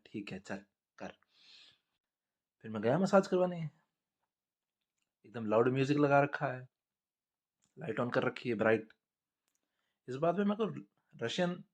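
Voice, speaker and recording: A man's voice: mid-range voice, a little mellow. A man from India telling crude comic stories in a blunt, profane, conversational way. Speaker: storyteller. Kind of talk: crude comedic monologue.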